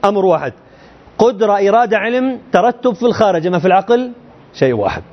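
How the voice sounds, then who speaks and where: A man's voice: sits high, sing-song, quick pace, lo-fi sound. A man teaching a religious text to students, often firing rhetorical questions at them in a colloquial way. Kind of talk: explaining a creed text to students.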